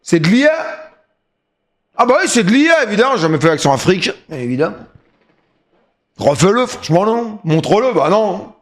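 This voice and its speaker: A middle-aged man chatting and joking on a live stream, with loud hype bursts. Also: sits high, big pitch swings, normal speed, long pauses. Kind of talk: casual live-stream chat.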